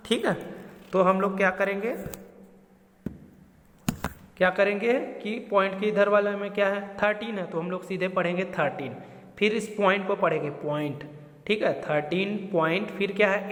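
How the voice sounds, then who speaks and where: High, gravelly-voiced man teaching math. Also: a bit bright, big-room sound. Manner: explains slowly, repeating "theek hai" and quizzing with questions. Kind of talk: school math lesson.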